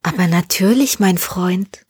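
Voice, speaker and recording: A woman's voice: on the low side, husky, no echo, clean studio sound. A woman doing an eerie, detached radio voice. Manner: slow, calm, oddly detached. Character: eerie radio voice claiming to be lost male cosmonaut.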